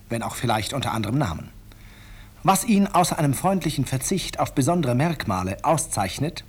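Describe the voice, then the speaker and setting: In a 1950s German radio drama, an actor plays an urbane, ironic author narrating his own story, courteous and deliberate in delivery. His voice sits at medium pitch with a breathy edge.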